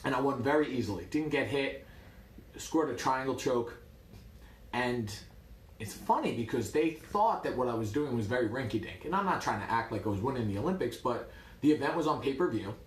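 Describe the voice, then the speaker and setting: Wry, animated man telling stories. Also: mid-range voice, a little fast, reverberant. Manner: lively, wry, animated storytelling. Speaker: martial arts coach. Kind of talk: casual storytelling.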